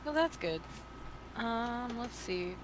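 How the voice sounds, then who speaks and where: A woman's voice: on the high side, lively intonation, slow, noisy background. A woman playing a tabletop game, chatting in a casual, playful way.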